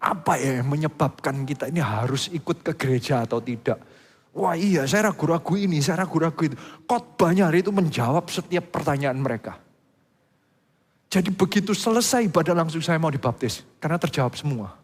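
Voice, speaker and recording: A man's voice: brisk, slightly rough. Man preaching in an echoing church hall. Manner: animated storytelling, pitch jumping up when excited. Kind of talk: sermon testimony. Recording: long reverb of a church hall.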